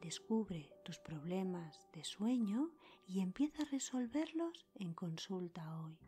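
Over background music, a woman with a mid-range voice whispers a scripted guided meditation as a podcast host. Her voice is soft, breathy and calm, and she pauses between short phrases.

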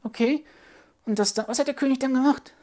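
A woman's voice: brisk, close to an everyday voice. A woman voicing a curious, chatty young worm puppet who keeps asking naive questions in a children's puppet show. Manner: asks endless naive questions, squeaky and excitable.

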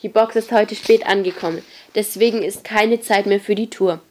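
Brief: a woman reading as a bossy teenage leader, loud and blunt, brisk orders. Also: medium pitch, fairly even intonation, slight background noise, natural voice.

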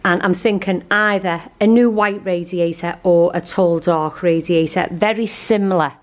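A woman, chatting casually and ramblingly to camera as a home vlogger. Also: fairly low pitch. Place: living room at home. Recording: clear background noise.

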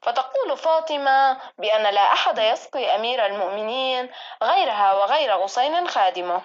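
A woman reading the narration of a school play in a plain, steady way. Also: fairly high pitch, fairly quick, dull audio.

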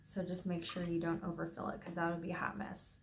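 A woman's voice: on the low side, completely flat delivery, brisk, vocal fry, a little hiss or hum. A woman vlogger talking casually and upbeat through a DIY tutorial in her home office. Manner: chatty, upbeat, with fillers.

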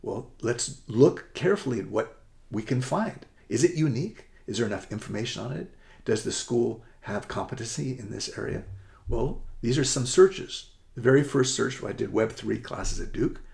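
A middle-aged man giving an upbeat, rushed presentation as a college essay coach, often correcting himself mid-sentence. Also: medium pitch, expressive, gravelly, darkish tone. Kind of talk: presentation to parents and students.

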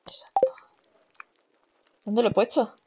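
A woman's voice: a little high, wildly swooping pitch, slow pace, mellow, slight background noise. Chatty young Spanish woman gaming. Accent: Spain Spanish. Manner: chatty, swears casually, reacts aloud while playing. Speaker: gaming channel host. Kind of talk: casual let's-play commentary. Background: game music.

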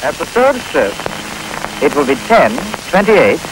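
A man's voice: fairly high pitch, huge pitch swings, a little slow, a little hiss or hum, low-quality recording. A man's recorded time announcements, spliced together word by word and played back by a speaking clock machine, in a formal, evenly spaced delivery. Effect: spliced-together recorded words played back by a speaking clock machine.

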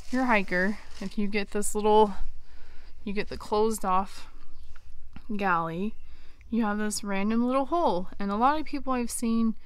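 A smooth, medium-pitched woman in her thirties casually shows off her small wooden camper trailer, dropping plenty of ums and likes. It's a relaxed show-and-tell captured on a handheld phone camera.

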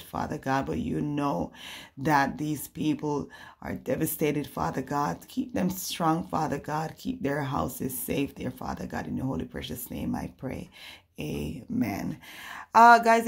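Woman vlogger, low voice, earnest prayerful delivery, casual talk to viewers. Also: creaky, breathy edge. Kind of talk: casual shopping vlog voice-over with a prayer. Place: home goods store.

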